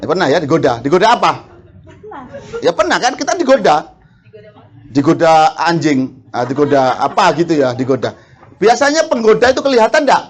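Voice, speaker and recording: Lively high-voiced male preacher from Sumatra. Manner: asks the congregation questions, quick laughs, acts out quarrels. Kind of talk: lively sermon.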